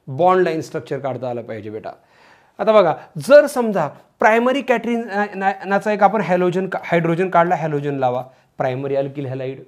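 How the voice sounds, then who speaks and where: A male chemistry teacher lectures his students in a high, loud voice, drilling them and chanting compound names in a sing-song way.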